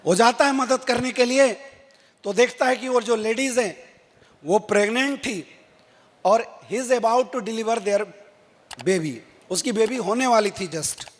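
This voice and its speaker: A man's voice: very high voice, takes it slowly. A man giving a motivational stage speech, telling a story and acting out its dialogue. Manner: animated storyteller who acts out dialogue. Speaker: motivational speaker. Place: large event hall. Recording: long hall reverb.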